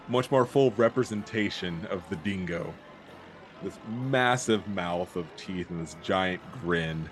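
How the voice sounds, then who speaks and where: A man narrating an improvised tabletop role-playing game as game master. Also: deep voice.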